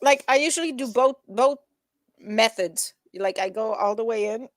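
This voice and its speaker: A woman's voice: a little high, moderate pace, no echo, studio quality. A woman co-hosting a casual chat show, talking chattily and explaining each step of what she is doing. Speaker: co-host.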